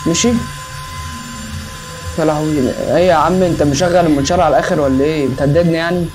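A man's voice: a little high, steady tone, fast, background noise. A man with an Egyptian Arabic accent who hosts a horror game let's play; he talks in a jumpy, panicky way, crying out in repeated bursts, then cracks jokes. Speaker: gaming channel host.

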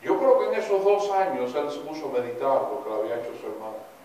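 A man preaching a sermon in a chapel, animated, asking the congregation rhetorical questions. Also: mid-range voice, quick pace, a little hiss or hum. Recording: echoey chapel from far off.

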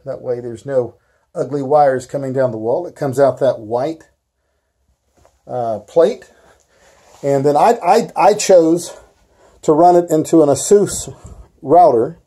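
A man walking around a rural property as he shows how he set up a network link, explaining in a plain, casual way with frequent pauses. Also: mid-range voice, warm tone, breathy edge, no echo, rough recording. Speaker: tech installer demonstrating a setup. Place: outdoors on a rural property and inside a barn office. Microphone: handheld phone camera, filming while walking.

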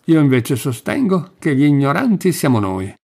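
Fervent young zealot in an audiobook, read by a man, rough husky voice. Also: fairly high pitch, big pitch swings, moderate pace, a little mellow, exaggerated voice. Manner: fervent, blunt. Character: passionate young male zealot. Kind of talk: audiobook reading.

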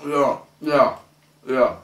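A young man talking with his mouth full, mumbling a halting, rambling monologue muffled by food as he chews. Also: mid-range voice, a bit bright. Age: young adult. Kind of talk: halting, rambling monologue to camera while eating. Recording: echoey room, distant microphone.

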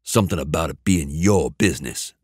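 A male narrator voicing a cool, menacing male ex-soldier who speaks slowly and evenly. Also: dry recording, studio quality. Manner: low, slow, calm, menacing.

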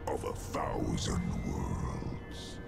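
A man voicing an ancient, all-consuming evil entity in a video game, speaking in a calm, menacing, slow intoning way with a deep gravelly rumble. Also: exaggerated voice. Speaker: game villain. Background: loud game music.

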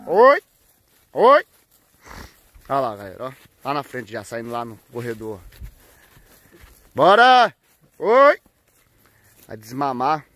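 A man vlogging on a cattle farm, talking casually to viewers and breaking off to yell loud herding calls at the cows. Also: mid-range voice. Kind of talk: casual farm vlog narration. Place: outdoors on a cattle farm, by the corrals.

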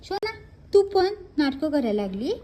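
A woman's voice: high-pitched, big pitch swings, moderate pace, dark tone. A mother cooing baby talk to her two little daughters, repeating each question in a sing-song way. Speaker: mother talking to her babies.

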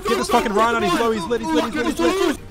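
A man's voice: extremely high pitch, expressive, racing. A man playing along with a prank and bantering with friends during a game. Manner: playful, acting out a prank, laughs often. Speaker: gamer. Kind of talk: casual gaming banter.

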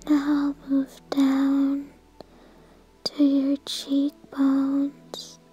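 A woman in an ASMR role-play as a spa therapist, soothing and gently guiding the listener in an unhurried way. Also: sits high, completely flat delivery, faint music behind.

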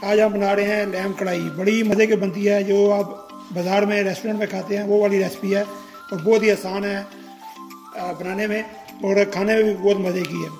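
High-pitched male cooking-vlog host, friendly and methodical, with light music under him. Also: flat delivery, moderate pace, darkish tone. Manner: friendly step-by-step explaining, religious greetings. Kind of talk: home cooking tutorial narration.

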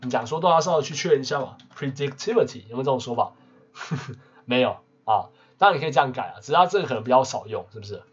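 A man teaching English vocabulary in a casual lesson, constantly adding quick tag questions. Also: medium pitch, lively intonation, breathy edge. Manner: peppers talk with tag questions. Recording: muffled lo-fi recording.

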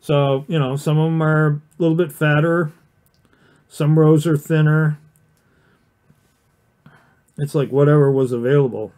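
Here the painter's voice is a little high and mellow, with fairly even intonation, an unhurried pace and frequent pauses. On his casual watercolor livestream he works at a desk filmed from overhead indoors, talking plainly and encouragingly through many fillers and false starts.

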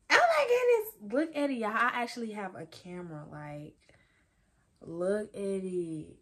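A woman vlogger talking to her viewers in a casual unboxing video, chatty and excitable. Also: medium pitch, slow pace.

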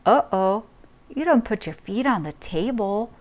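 A woman reading aloud and voicing a fierce mother who speaks urgently and defiantly to protect her child, at a slow pace. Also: mid-range voice, expressive, lightly acted.

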